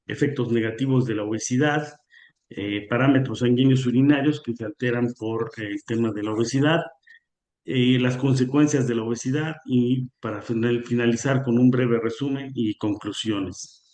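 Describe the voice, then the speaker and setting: Speaking at a moderate pace in a mid-range, darkish voice, a man gives a guest lecture on equine nutrition for an online conference. His delivery is hesitant and full of fillers, his throat seems slightly sore, and the recording carries a roomy echo.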